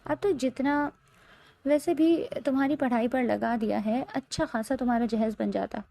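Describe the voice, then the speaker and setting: A woman's voice: sits high, steady tone, creaky, mellow. Shazia Begum, a woman doing a sneering, taunting stepmother. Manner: taunting, sarcastic.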